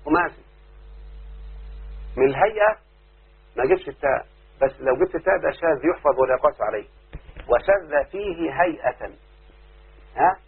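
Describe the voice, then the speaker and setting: Gravelly Egyptian sheikh quizzing his class. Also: expressive, quick pace, long pauses. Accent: Egyptian Arabic. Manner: quizzes students constantly, patient and repetitive. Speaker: sheikh teaching Arabic grammar. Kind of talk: classroom lesson with call-and-response questions. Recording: tinny phone-like low-fidelity recording.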